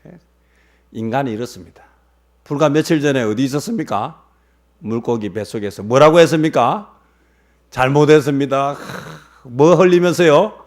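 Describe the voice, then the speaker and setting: A male pastor preaching a sermon, firing rhetorical questions at the congregation and swinging between loud and hushed. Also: mid-range voice, lively intonation, normal speed.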